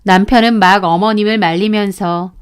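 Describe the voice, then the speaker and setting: A woman's voice: medium pitch, steady tone, normal speed, smooth. A woman narrating her own story as a daughter-in-law, speaking in an indignant, aggrieved tone.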